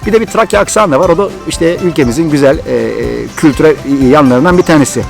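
A middle-aged Turkish man with a Thracian accent tells a story to his vlog audience, talking fast and eagerly. His voice sits a little high, and faint music plays behind him. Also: gravelly. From Turkey. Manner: excited, animated storytelling. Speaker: vlogger.

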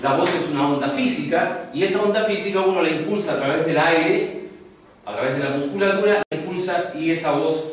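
A man's voice: brisk, heavy reverb, distant mic, low-quality recording. A Chilean man teaching an online course on voice projection, demonstrating voices as he lectures. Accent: Chilean Spanish. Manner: demonstrates voices, shifting pitch and tension to illustrate. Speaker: voice and speech instructor.

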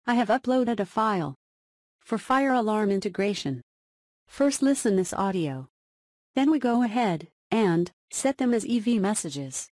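Female tutorial narrator, mid-pitched, close and dry, delivering short step-by-step instructions. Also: expressive, unhurried, a little mellow, dry recording. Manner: short, segmented instructional phrases.

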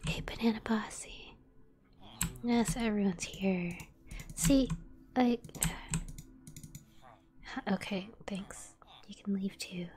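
A woman's voice: mid-range voice, slow, pauses often, darkish tone. A woman streamer in a whispered gaming livestream, mostly whispering as she chats with viewers while playing. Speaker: ASMR streamer.

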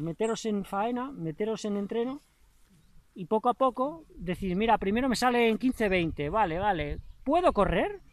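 A man's voice: high-pitched, a bit bright, dry recording. A married man, a trail runner and coach, talking casually to his viewers after a long run and cheering them on. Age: adult, married. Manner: chatty, motivational, addresses viewers as mates. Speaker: trail running vlogger and coach. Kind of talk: casual post-run vlog talk.

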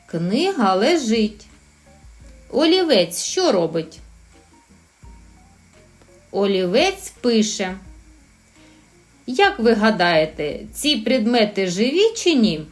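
A woman's voice: on the high side, sing-song, soft background music. A woman teaching a recorded lesson for preschool children, encouraging and drawing out her words. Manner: slow, sing-song and encouraging, drawing out sounds.

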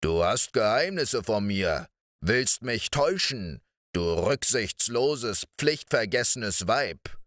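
A man voicing a huge, gruff, man-eating giant in a storybook fairy tale, with a slow, menacing growl. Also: on the low side, big pitch swings, fairly bright tone, dry recording, clean studio sound, full character voice. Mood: angry.

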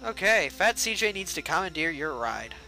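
A man's voice: a little high, sing-song, moderate pace, gravelly, sharp tone, soft background music, rough recording. A young man giving casual, joking let's-play commentary and chatting at the game's characters. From United States. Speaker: gameplay livestreamer.

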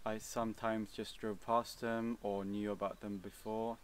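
A young Swedish vlogger with a flat, low, smooth voice answers casual Q&A questions while seated on a cabin bench outdoors by the woods. He speaks a little slowly, relaxed but hesitant, with many fillers and restarts, and sits far from the mic.

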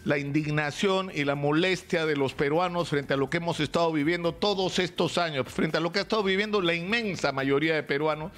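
A man's voice: a little high, brisk, few pauses, a bit bright. An older man with a Peruvian accent giving emphatic live opinion commentary in a small radio studio, close to a stand mic, gesturing and firing off rhetorical questions. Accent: Peruvian Spanish. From Peru.

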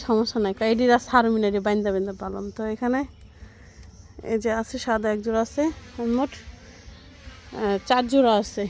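A woman's voice: fairly high pitch, a little mellow. Chatty woman vlogging at home. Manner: chatty, rambling, many fillers. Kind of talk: casual home vlog narration while cooking. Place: home kitchen and yard.

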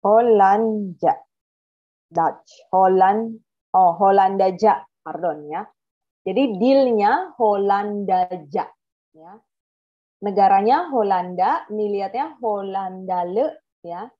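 Slow, self-correcting woman teacher. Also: mid-range voice, muffled recording. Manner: thinks aloud, corrects herself, checks words mid-sentence. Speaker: Turkish language teacher. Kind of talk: online language lesson.

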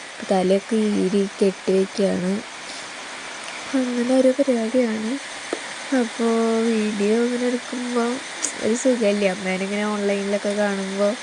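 A woman's voice: medium pitch, creaky, noisy background. A young woman, chatting fondly in a home vlog with rambling asides and fillers. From Kerala. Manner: rambling, fond, with many fillers. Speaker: family vlogger. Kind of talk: casual vlog narration.

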